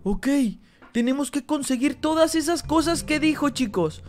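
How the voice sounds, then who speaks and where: A man's voice: very high voice, lively intonation, normal speed. A man commenting on a horror game he plays, reading its lines aloud in translation, talking to his viewers and yelping and repeating words when he is scared. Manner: addresses viewers as "chicos". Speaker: gaming YouTuber. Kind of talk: Let's Play commentary translating game dialogue.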